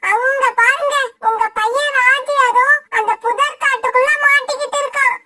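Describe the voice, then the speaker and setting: A woman's voice: fairly even intonation, moderate pace, bright, forceful tone. A woman voicing a little cheerful girl sparrow. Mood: kind. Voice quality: very high childlike voice. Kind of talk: cartoon voice acting.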